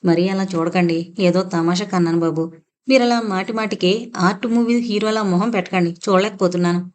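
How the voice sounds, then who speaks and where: A woman's voice: fairly low pitch, moderate pace, a little mellow, close to an everyday voice. A woman reading a playful teasing young woman.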